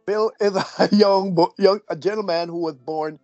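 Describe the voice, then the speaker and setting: A man's voice: high voice, dry recording, soft background music. Man with an announcer-like voice. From Jamaica. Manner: measured, gently humorous storytelling. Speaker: guest, deacon. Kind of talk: personal life story. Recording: dull, dry audio.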